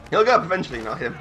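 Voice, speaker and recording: A man's voice: sits high, pushed and bright. A man casually commentating on a video game in a joking, chatty way. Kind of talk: casual let's-play commentary.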